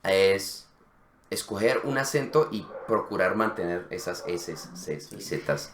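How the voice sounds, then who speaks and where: A man's voice: low voice, animated, takes it slowly, reverberant, a little hiss or hum. A man co-hosting a casual Spanish lesson, explaining accents and demonstrating sounds. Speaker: Spanish teacher co-host.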